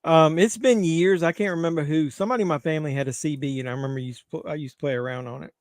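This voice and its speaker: Casual watch-along host, man, middle-aged, raunchy joking, a bit high-pitched, dry room. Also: racing, darkish tone, no room sound. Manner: crude, joking banter with chat. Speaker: livestream host.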